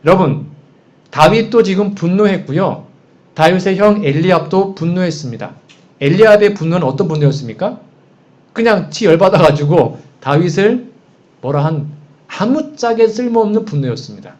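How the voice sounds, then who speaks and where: A man's voice: high voice, lively intonation, moderate pace, darkish tone. A man preaching a sermon in a conversational way, posing frequent rhetorical questions to the congregation. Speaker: pastor. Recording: dull, muffled sound.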